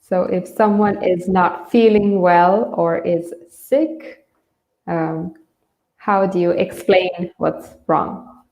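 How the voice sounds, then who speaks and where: A lowish, slightly mellow voice with fairly even intonation comes from a Bangladeshi woman raised in Dhaka, who teaches English as a webinar host. She speaks slowly, explaining informally and somewhat hesitantly, in a roomy, echoey recording.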